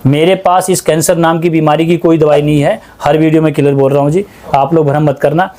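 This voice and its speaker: A man's voice: on the high side, steady tone, a little fast, warm tone. A man working as an ayurvedic practitioner, speaking with emphatic, repetitive insistence in a small clinic. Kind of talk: earnest testimonial talk.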